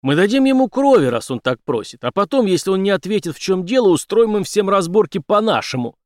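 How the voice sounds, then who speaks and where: A hot-tempered male space veteran, read by a man in an audiobook, barking his words loud and blunt. His voice rides a little above his usual narrating pitch, full of scorn. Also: lively intonation, moderate pace, dry recording, clean studio sound. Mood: angry scornful.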